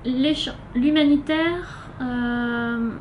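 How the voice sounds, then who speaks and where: Very slow and high-voiced, the young woman from France hesitates through her interview answers with many filler sounds, speaking casually in a French accent as a volunteer interviewee. The highs are cut off, and background hiss is noisy.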